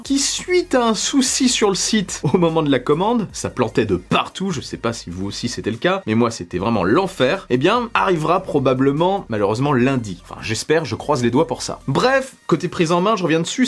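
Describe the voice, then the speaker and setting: A man's voice: on the high side, sing-song, moderate pace, few pauses, slightly rough. A man hosting a tech unboxing vlog, talking in a playful way with jokey asides. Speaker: tech YouTuber.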